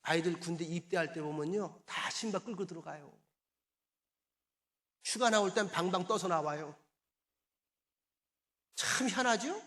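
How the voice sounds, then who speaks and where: High, bright-voiced male pastor preaching. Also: unhurried, pauses often. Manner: emphatic, calls for congregation responses; acts out quoted voices in conversational asides. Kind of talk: sermon.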